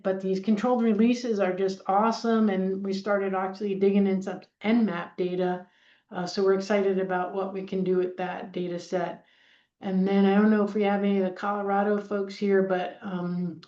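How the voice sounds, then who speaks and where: A middle-aged woman research scientist gives an informal conference presentation, explaining things conversationally. Her medium-pitched voice is mellow, and the recording sounds dull, roomy, and echoey.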